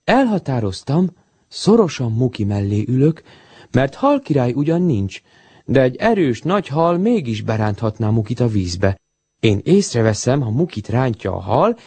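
A man reading a children's storybook aloud in an expressive, animated way. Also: medium pitch, breathy edge, no room sound.

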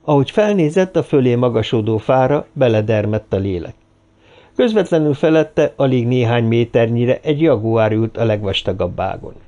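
A man reading an adventure novel aloud as narrator, in a steady, measured storytelling manner. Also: medium pitch, highs cut off. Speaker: audiobook narrator. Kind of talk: scripted narration.

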